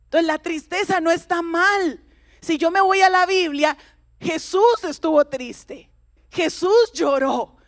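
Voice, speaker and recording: High-voiced woman pastor preaching. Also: slow pace. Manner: conversational, confiding, tells personal stories to the congregation. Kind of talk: sermon.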